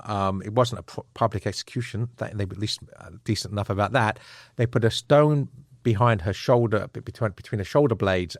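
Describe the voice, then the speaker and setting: Interview guest, man with a lowish voice, dry close sound, earnest and halting. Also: dry recording. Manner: frequent fillers and restarts, earnest. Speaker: author and scholar guest. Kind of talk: conversational interview storytelling.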